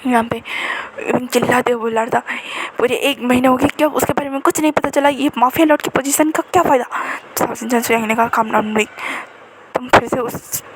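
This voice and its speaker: High-voiced woman casually retelling a story. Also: brisk, background noise. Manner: conversational, chatty narration.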